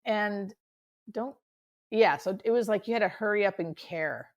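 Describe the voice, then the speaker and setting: A woman's voice: mid-range voice, unhurried. A woman speaking as a hospice nurse in an interview, earnest and reflective, often repeating words for emphasis. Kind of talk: conversational interview answers.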